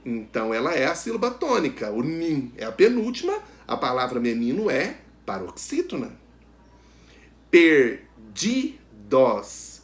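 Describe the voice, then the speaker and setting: Man teaching, lively up-and-down voice. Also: mid-range voice. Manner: stretches out example words slowly and loudly; addresses students directly, asks and answers questions. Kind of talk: grammar lesson.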